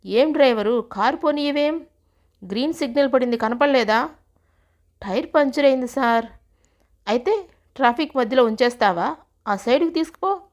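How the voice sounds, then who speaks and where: A sharp-tongued male traffic policeman, voiced by a woman narrator snaps orders and lists faults in a storybook reading. The voice sits a little high and stays plain and unforced. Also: animated, moderate pace, long pauses. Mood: scolding. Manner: barking orders, rebuking.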